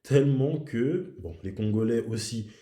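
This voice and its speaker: Dark-voiced man musing in an echoey room. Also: mid-range voice, animated, a little slow. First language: French. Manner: reflective, repeats himself for emphasis. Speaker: video host. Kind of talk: casual explanatory monologue.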